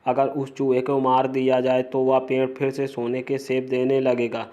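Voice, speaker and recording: A man reading the lines of a sleepy, grumbling male demon in a flat, even voice. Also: medium pitch, moderate pace, dull audio, close to an everyday voice. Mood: drowsy.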